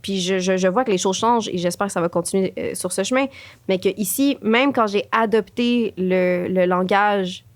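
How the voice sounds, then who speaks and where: A woman from Chile speaks with a Quebec French accent in a relaxed podcast chat. She talks in an expressive, animated way, full of fillers and the odd English word. Her voice sits at a middle pitch and sounds dry and close to the mic. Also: moderate pace, dry recording. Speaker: podcast co-host. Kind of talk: casual conversation.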